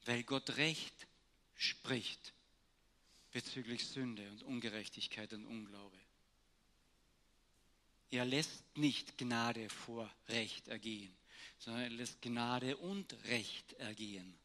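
Guy giving a sermon, bright forceful voice, goes quiet then loud for emphasis. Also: mid-range voice, slow pace, long pauses. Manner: storytelling, shifting between hushed and raised emphasis. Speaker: preacher.

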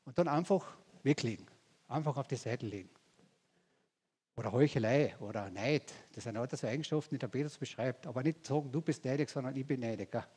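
A man's voice: medium pitch, brisk, darkish tone, slightly rough. A man preaching a sermon in a folksy way, often asking the congregation rhetorical questions. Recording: long church reverb.

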